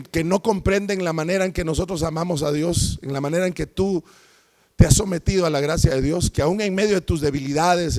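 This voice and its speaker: A man's voice: a little high, mellow. A middle-aged man preaching a sermon, his delivery swelling and falling, and he acts out the voices he quotes. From Guatemala.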